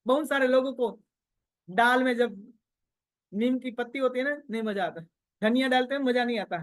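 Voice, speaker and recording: A man giving a motivational seminar talk, telling a story and firing repeated questions at his audience, sometimes loud, sometimes quiet. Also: very high voice, normal speed, dry recording. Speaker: motivational trainer.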